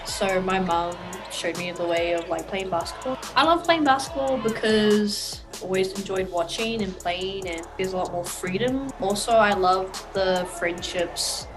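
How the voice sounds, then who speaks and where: A woman's voice: medium pitch, expressive, a little slow, few pauses, music in the background. A young woman who grew up between New Zealand and Australia, a college basketball player answering interview questions casually with many fillers. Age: young adult.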